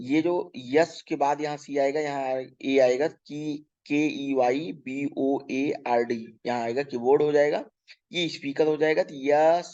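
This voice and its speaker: A male teacher going through a children's workbook lesson, reading English questions slowly, explaining in Hindi, spelling words letter by letter and often checking "ठीक है". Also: on the high side, darkish tone, lo-fi sound. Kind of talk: workbook lesson for young pupils.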